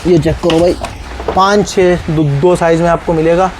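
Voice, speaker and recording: A man selling shop stock in an insistent, repetitive teleshopping-style sales pitch, calling out prices. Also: flat delivery, normal speed, a little mellow, a little hiss or hum. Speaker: shop seller presenting stock on video.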